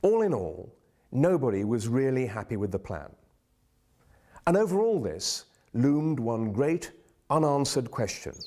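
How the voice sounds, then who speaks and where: A man narrating a history documentary in a clear, expressive scripted delivery. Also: mid-range voice, a little slow. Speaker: documentary presenter.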